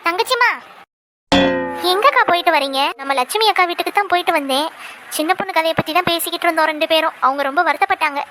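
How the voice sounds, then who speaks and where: A woman's voice: very high voice, fast talker, very noisy. A woman voicing a greedy, gossipy village woman in a cartoon, chatty and scheming.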